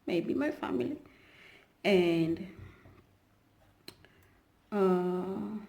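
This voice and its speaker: Talking to camera in a loose, rambling vlog, a YouTuber from Kenya fills her speech with fillers and restarts. She has a medium-pitched voice that is creaky and mellow.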